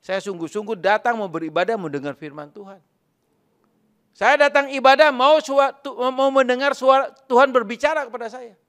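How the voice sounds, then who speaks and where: A man's voice: extremely high pitch, normal speed, a bit bright. A male pastor preaching a sermon, emphatic and repetitive, often turning to address the congregation directly.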